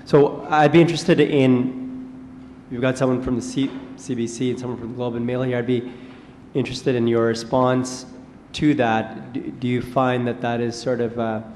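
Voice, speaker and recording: Audience questioner, male, flat delivery, roomy hall echo. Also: mid-range voice, normal speed, slight background noise. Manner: long-winded, repeating himself. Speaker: audience member asking a question. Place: large lecture hall.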